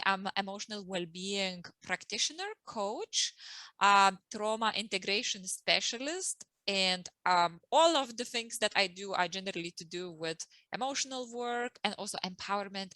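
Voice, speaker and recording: Bright-voiced woman host, dry close sound. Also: mid-range voice, no room sound, poor audio. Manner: warm-up introductions with frequent ums and restarts. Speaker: host and emotional well-being coach. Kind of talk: casual interview chat.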